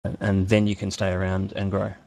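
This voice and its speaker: An Australian man with a low, gravelly voice speaks in a relaxed interview. He works through his ideas slowly, with frequent filler sounds and self-corrections. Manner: thoughtful, many ums and restarts. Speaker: interview guest. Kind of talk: casual interview chat.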